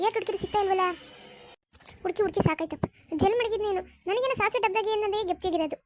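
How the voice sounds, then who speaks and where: A shrill scolding village wife. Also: background noise. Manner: scolding, rapid complaints. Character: sharp-tongued village wife, woman. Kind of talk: cartoon voice acting.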